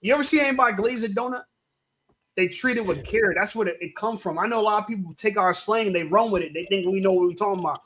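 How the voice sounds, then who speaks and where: Fast high-voiced man. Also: a bit bright. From New Jersey. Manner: defensive, slangy. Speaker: panel guest, YouTuber.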